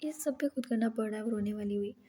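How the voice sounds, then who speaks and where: Soft-spoken woman narrating a novel. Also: fairly high pitch, quick pace, a little hiss or hum. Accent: Urdu. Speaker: audiobook narrator. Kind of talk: reading a romance novel aloud.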